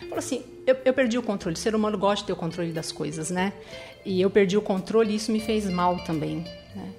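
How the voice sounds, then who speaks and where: A woman's voice: mid-range voice, fast, darkish tone, soft background music. Earnest Brazilian woman telling a testimony. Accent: Brazilian Portuguese. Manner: earnest storytelling, tags lines with "né?". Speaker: guest giving a testimony. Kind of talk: personal faith testimony.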